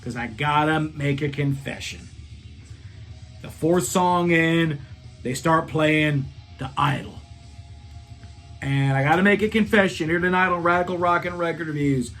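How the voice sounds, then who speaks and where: A man hosting a rock review channel, talking excitedly and profanely about a concert and singing bits of the songs. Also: a little high, unhurried, pauses often, faint music behind.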